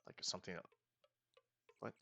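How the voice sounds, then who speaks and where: A let's play host gives relaxed commentary on a roleplay video game, thinking aloud and repeatedly restarting what he says. His voice has a sharp tone and a moderate pace, with no room sound in the recording.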